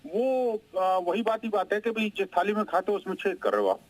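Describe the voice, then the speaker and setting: A man's voice: high-pitched, very animated, a little fast, rough recording. A man speaking as a guest on a TV news debate, emphatic and insistent, cutting in on other speakers. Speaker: panel guest. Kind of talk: heated TV debate.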